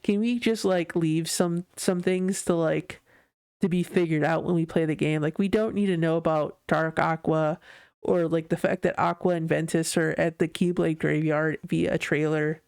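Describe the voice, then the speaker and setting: A podcast host rambles through a casual solo monologue with a gravelly, fry-edged voice. The recording is dry and close, with no room sound. They lean on filler words and keep restarting their sentences. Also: mid-range voice, fairly even intonation, moderate pace, a little mellow, no room sound. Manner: rambling, heavy on "like" and self-corrections.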